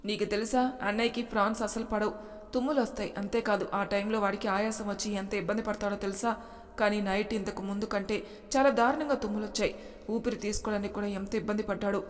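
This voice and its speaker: Woman playing a sharp-tongued young man, protective brother, storybook reading, echoing hall. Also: mid-range voice, fairly even intonation, fast talker, lightly acted. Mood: scolding.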